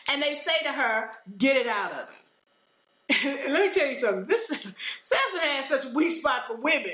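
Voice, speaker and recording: A woman's voice: high voice, lively intonation, a little fast, a bit bright, roomy sound. A woman teaching from the Bible on a podcast, reading verses and then retelling them in loose, everyday speech. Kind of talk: conversational scripture teaching.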